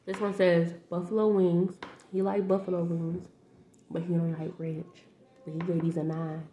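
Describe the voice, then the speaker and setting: A woman's voice: on the low side, level tone, normal speed, mellow, soft background music. A young adult woman giving a casual, playful taste-test chat to camera with informal banter, recorded indoors at home. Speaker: vlog host. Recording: echoey room with faint noise, handling clicks.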